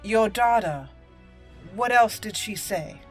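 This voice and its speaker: Slow and expressive, a gaming channel host with a medium-pitched voice does casual let's play commentary, amused and playful, with faint music behind. She keeps talking to herself and shifting into in-character roleplay.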